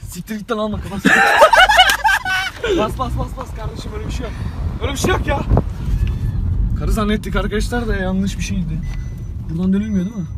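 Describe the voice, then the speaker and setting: A man's voice: high-pitched, fast talker, long pauses, very noisy. A young man hosting a casual vlog by a parked car outdoors, teasing and swearing with a friend in slangy banter. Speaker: vlogger.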